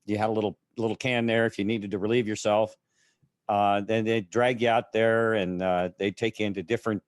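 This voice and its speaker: A man who is a military veteran, recounting his experiences haltingly with many fillers as an interview guest. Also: fairly low pitch, darkish tone, clean tone, no room sound, studio quality. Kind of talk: casual interview storytelling.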